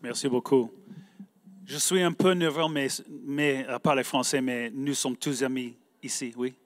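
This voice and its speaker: A man from the United States, a native English speaker, giving a prepared talk in halting French with an American accent. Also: medium pitch, steady tone. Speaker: guest speaker. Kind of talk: prepared speech read aloud.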